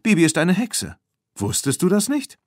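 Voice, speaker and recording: Man reading a young girl, high and urgent, storybook audiobook. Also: huge pitch swings, normal speed, a little mellow, no echo, studio quality, exaggerated voice. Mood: matter-of-fact.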